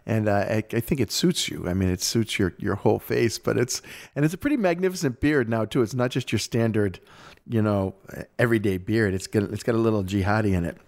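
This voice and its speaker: A man's voice: fairly low pitch, fairly quick, creaky, darkish tone. A man hosting a casual conversation, reacting thoughtfully and musing on what his guest said.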